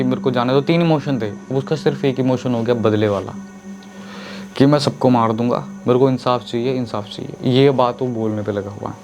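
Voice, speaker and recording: A man telling a horror story in a casual, chatty way, speaking to his listeners as friends. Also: mid-range voice. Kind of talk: casual spoken horror narration.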